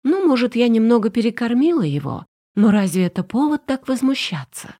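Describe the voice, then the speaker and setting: A woman's voice: a little high, lively intonation, a little fast, mellow, pitched above the performer's own voice. A woman voicing a kind-hearted, playful young bride in an audiobook, talking in a pleading, lightly defiant way. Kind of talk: audiobook character reading.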